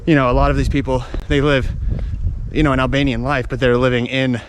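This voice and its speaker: Walking around outside, a travel vlogger chats informally and off the cuff, explaining what he sees as he goes. His medium-pitched voice stays fairly flat and brisk, with a little hiss or hum on the recording.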